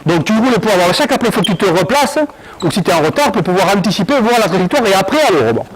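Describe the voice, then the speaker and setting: A male basketball coach running an on-court session, explaining drills and barking quick commands at players. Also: high-pitched, sing-song, poor audio.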